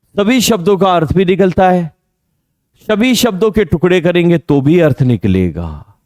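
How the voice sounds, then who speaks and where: A man teaching Hindi grammar in an exam coaching lesson, quizzing students on pronunciation and drawing out key words slowly. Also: high voice, expressive, darkish tone, no room sound, clean studio sound. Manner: drills pronunciation with repeated questions to students.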